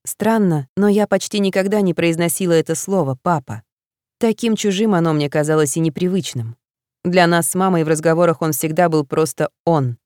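A young woman reading a first-person audiobook in a calm, even storytelling manner. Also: lowish voice, fairly quick, no echo, clean studio sound. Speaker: audiobook narrator.

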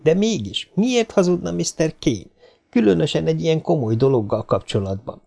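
A man narrating an audiobook in an even, measured storytelling manner. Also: on the high side, gravelly. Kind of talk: scripted narration.

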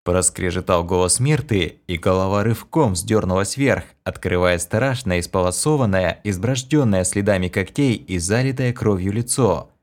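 A man's voice: low-pitched, moderate pace, few pauses. A man narrating a first-person fantasy audiobook with an intense, dramatic reading.

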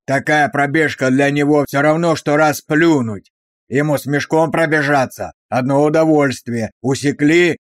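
A man voicing a brutal, abusive male drill sergeant who barks insults with slow, hammering emphasis. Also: on the high side, no echo, studio quality, close to an everyday voice. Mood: bellowing.

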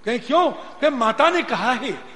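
A man giving a religious discourse, explaining scripture and chanting its verses in a slow, drawn-out way. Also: very high voice, big pitch swings, a bit bright. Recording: long hall reverb, faint noise.

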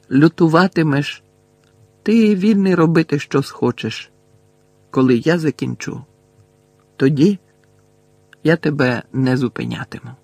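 A man reading an audiobook, voicing a weary old male headmaster wizard who speaks quietly and with measured calm. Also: medium pitch, breathy edge, no room sound. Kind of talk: audiobook character voice.

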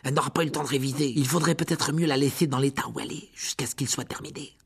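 A man's voice: mid-range voice, fairly even intonation, racing, vocal fry, slightly rough, voice pushed up. A man doing a glum teenage boy. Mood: relieved.

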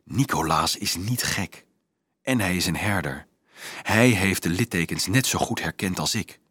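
A man voicing a sly young male student in a story, speaking in a low, teasing whisper. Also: measured pace, no room sound.

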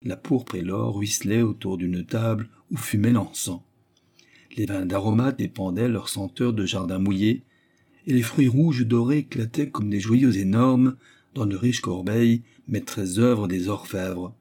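Husky low-voiced man narrating a tale. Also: measured pace, dark tone. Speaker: audiobook narrator. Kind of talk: literary audiobook reading.

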